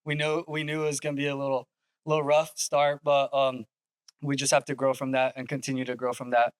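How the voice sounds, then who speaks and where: A men's soccer coach answers questions in a measured way, pausing often. His voice is smooth and clear with little movement in pitch. The sound is dry and close. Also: monotone, dry recording. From Yakima, Washington. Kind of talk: interview answers.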